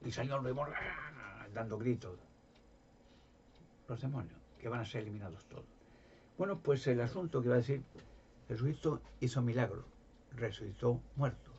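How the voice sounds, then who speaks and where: Gravelly-voiced Spanish preacher, muffled recording. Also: male voice, medium pitch, brisk, pauses often, darkish tone, a little hiss or hum. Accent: Spain Spanish. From Spain. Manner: rambling, many restarts, acts out quoted voices. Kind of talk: informal preaching monologue.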